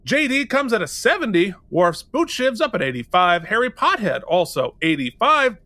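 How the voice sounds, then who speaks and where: A man's voice: high-pitched, big pitch swings, normal speed, pushed and bright, no echo. A man in his forties co-hosting a podcast, chatting casually, playful and joking as he reads out listener ratings. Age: 40s. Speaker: podcast co-host.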